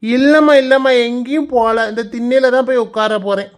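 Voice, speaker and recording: Woman doing a slow, placating village husband. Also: a little high, natural voice. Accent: Kanyakumari Tamil. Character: easygoing middle-aged village husband. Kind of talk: cartoon voice acting.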